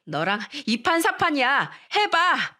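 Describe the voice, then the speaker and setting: A woman's voice: fairly high pitch, expressive, normal speed, fairly bright tone. A woman voicing a spiteful rich schoolgirl bully who taunts in a sneering tone. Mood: furious.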